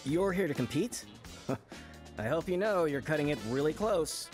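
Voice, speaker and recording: An actor playing a brusque, dismissive coliseum attendant in a video game. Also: male voice, a little high, expressive, a little slow, a little mellow, soft background music. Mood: curt. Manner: curt, dismissive.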